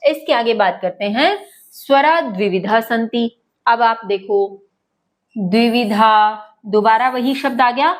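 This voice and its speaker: Patient woman teacher, slightly high voice. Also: slow pace. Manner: patient, repeats and checks understanding. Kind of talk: online lesson.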